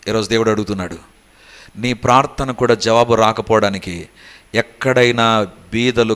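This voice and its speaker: A middle-aged man preaching a sermon as pastor, swinging between raised emphatic passages and quiet low asides.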